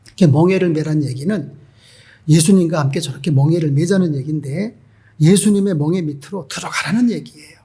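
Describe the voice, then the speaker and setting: A man's voice: a little high, brisk, dark tone, husky. A male pastor preaching an emphatic sermon and putting rhetorical questions to the congregation.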